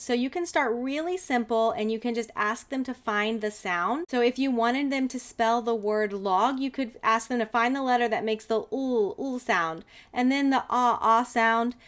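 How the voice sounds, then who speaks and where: A woman in her thirties hosting a homeschool channel, explaining reading games step by step in an upbeat, practical way and slowly sounding out letters. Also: on the high side. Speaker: homeschooling mom and channel host. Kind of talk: instructional video talk.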